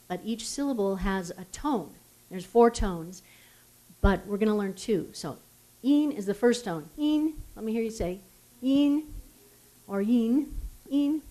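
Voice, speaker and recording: Mellow-voiced woman giving a gentle lecture. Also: medium pitch. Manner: gentle, unhurried, teacherly, engages audience with questions. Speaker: acupuncturist giving a public health talk. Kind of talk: community lecture with slides. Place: lecture room.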